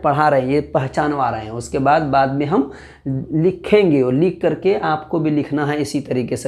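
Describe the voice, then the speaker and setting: A man's voice: a little high, darkish tone. A man teaching an online alphabet lesson. He recites the letter names one by one, repeats his points and quizzes the viewer to check they follow. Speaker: Urdu teacher.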